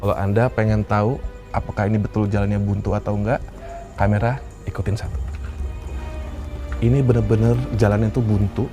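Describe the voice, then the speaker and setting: A man hosting an outdoor interview at night, excitable and often exclaiming. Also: lowish voice. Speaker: host. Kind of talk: on-location interview. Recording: location sound with music over it.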